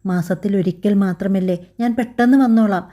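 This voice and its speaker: A woman voicing a hurt young wife in a storybook, pleading softly in a wounded tone. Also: medium pitch, moderate pace, lightly acted.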